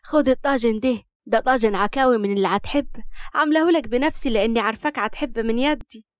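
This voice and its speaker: A woman voicing a flattering young cousin with an Upper Egyptian accent, sweet in manner. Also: on the high side, fast, no echo, studio quality, close to an everyday voice. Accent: Upper Egyptian Arabic.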